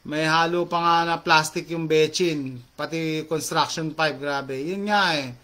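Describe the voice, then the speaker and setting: A talkative middle-aged man hosts a casual chat with his viewers, reading their comments aloud. His voice sits slightly higher than most men's. He switches freely between Tagalog and English phrases, leaning on fillers as he talks. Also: fairly even intonation, measured pace, sharp tone.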